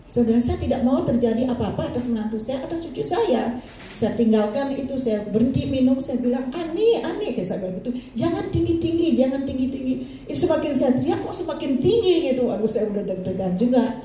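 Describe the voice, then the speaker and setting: An older woman preaches in a chatty, storytelling way and keeps turning to address her congregation. Her voice is dark and mellow but sits fairly high. It is heard from off the mic, in a very echoey room. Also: animated, fast talker, recorded from a distance, slight background noise. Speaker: pastor. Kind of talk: storytelling sermon. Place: church hall. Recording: roomy echo, voice from off-mic.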